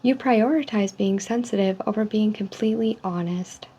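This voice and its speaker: A woman speaking softly in an ASMR role-play, reading survey statements in a polite, measured customer service manner. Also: mid-range voice. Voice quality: soft, hushed. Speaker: ASMR role-player as call center agent giving a personality survey. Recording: dull lo-fi sound with faint noise.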